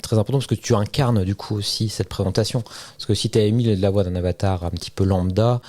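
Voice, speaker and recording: A man's voice: fairly low pitch, fairly even intonation, brisk, a little mellow, dry recording. A man hosting a podcast interview, engaged and enthusiastic as he explains and asks questions. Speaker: podcast host. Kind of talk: casual conversational interview.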